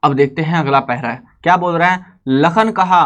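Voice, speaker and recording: A man teaching a class, reading verse lines slowly and then explaining them in a casual, chatty way. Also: fairly high pitch, fairly bright tone. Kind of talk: casual line-by-line explanation of a poem.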